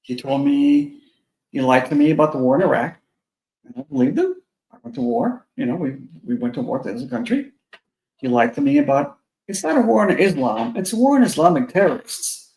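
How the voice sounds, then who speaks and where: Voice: medium pitch, sing-song, a little fast, darkish tone. A podcast co-host in a casual, heated opinion chat, speaking bluntly and stumbling over restarts, with a strong echo around the voice. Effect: echoey sound, as if in a big bare room. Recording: echoey, roomy mic sound.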